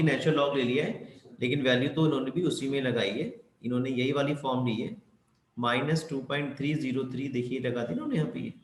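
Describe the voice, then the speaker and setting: A man's voice: medium pitch, a little hiss or hum. A man teaching chemistry, who asks his students questions and answers them himself, with English terms mixed into his Hindi. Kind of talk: explanatory lesson. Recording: echoey room with faint ambience.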